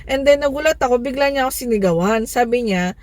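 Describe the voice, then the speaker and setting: Young adult woman from the Philippines, vlogger, fairly high voice, chatty storytelling with lots of fillers. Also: fast, a little mellow, no room sound. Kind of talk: casual storytelling.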